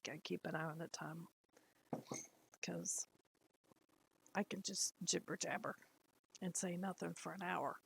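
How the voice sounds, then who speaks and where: A woman's voice: lowish voice, fairly even intonation, measured pace, vocal fry, pauses often, a bit bright, breathy edge, rough recording. A middle-aged woman chatting casually to camera at home, rambling and laughing often. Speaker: lifestyle vlogger. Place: at home, indoors.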